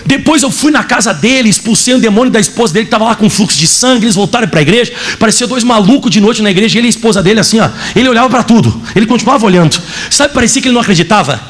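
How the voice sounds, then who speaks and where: A man, a pastor preaching a sermon in church, telling his testimony in an animated way and acting out the dialogue. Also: high-pitched, racing, few pauses.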